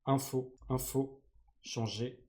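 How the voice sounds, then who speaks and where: A man's voice: medium pitch, fairly even intonation, slow, mellow. A man from France streaming a game live, chatting with his viewers in slangy, joking banter. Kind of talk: live-stream gaming commentary.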